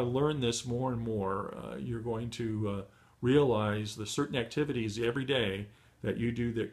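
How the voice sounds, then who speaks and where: A middle-aged man giving a motivational training talk to beginners, encouraging and full of fillers and restarts, his voice going hoarse. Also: mid-range voice. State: losing his voice. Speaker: online marketing trainer.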